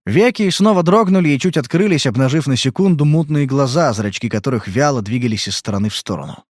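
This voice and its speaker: A man's voice: medium pitch, animated, fast, no echo. Man narrating an audiobook, dry close sound. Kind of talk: scripted narration.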